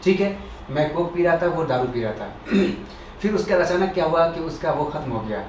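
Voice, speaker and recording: A man's voice: on the high side, lively intonation, fairly quick, slight background noise. Rambling young storyteller man, echoey. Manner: rambling, self-correcting, acts out dialogue. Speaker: stand-up comedian. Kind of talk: storytelling stand-up. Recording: echoey room, mic far off.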